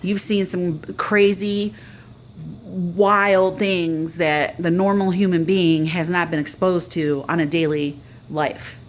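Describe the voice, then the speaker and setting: A woman's voice: on the low side, level tone, takes it slowly, a little hiss or hum. A middle-aged woman talking casually to the camera in an earnest, conversational way, sharing her own experience. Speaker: vlogger sharing personal experience.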